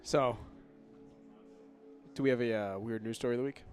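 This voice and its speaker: A man's voice: mid-range voice, darkish tone, faint music behind. Teasing young man co-hosting radio. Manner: teasing, laughing, quick with plugs. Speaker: radio show co-host. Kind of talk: casual banter on a radio show.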